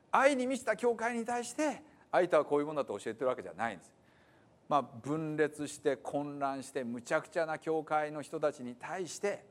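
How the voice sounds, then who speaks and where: A man preaching a sermon as pastor, explaining scripture with many pauses and fillers and then stressing key points with emphasis. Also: on the high side. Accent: Hiroshima dialect in the reading. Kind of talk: sermon with scripture reading in dialect.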